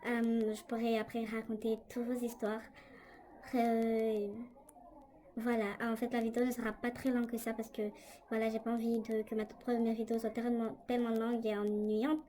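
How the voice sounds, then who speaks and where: A woman's voice: on the high side, completely flat delivery, normal speed, mellow, slight background noise. A young woman casually telling a story for her vlog, chatty and hesitant with many fillers, recorded on a tablet indoors. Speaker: vlogger. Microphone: tablet microphone.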